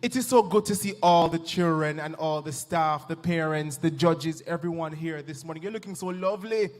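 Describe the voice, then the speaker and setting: A man working as master of ceremonies, energetically shouting to rouse the audience at an event in a large hall. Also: on the high side, moderate pace. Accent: Jamaican. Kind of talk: hyping up a crowd at an event. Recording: big hall reverb with faint music.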